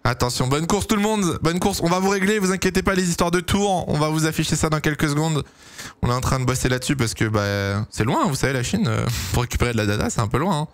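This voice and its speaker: A young man giving casual, excitable live commentary on a race for his stream, pleading and cheering as it unfolds. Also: on the high side, quick pace, dry recording. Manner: excitable, pleading, swings to shouting at big moments.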